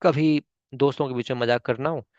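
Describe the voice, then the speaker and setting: A man's voice: mid-range voice, steady tone, fairly quick, a little mellow, no echo. A man with an Indian accent teaches English in a patient, repetitive way, stopping often to check that his students follow. The sound is dry and close, and a little dull, like a simple home recording. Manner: patient, repeats "ठीक है?" often, spells words syllable by syllable. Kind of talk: online spoken English lesson in Hindi.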